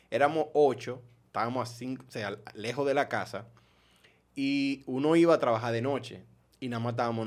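A man's voice: medium pitch, a little mellow. A man hosting a casual chat, telling funny stories with lots of laughter and acted-out voices. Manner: storytelling, laughs often, acts out voices. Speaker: podcast host.

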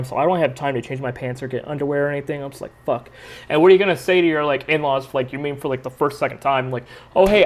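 Podcast host, young man, slightly high voice, crude and rambling, cursing through a casual story. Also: a bit bright. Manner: crude, rambling, profane, self-mocking. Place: San Diego area.

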